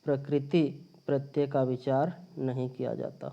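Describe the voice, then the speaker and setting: Slow, dark-voiced man teaching grammar. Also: mid-range voice, level tone, gravelly, dull audio. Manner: slow, explanatory, repeats and rephrases points. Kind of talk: recorded linguistics lecture. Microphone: phone or screen recorder.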